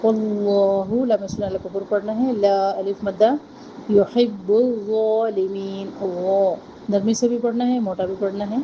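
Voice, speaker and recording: A woman teaching Quran recitation, reciting each phrase slowly and then quickly explaining its pronunciation rules. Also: mid-range voice, fairly even intonation, highs cut off, slight background noise. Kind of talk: tajweed lesson, recitation with rule explanations.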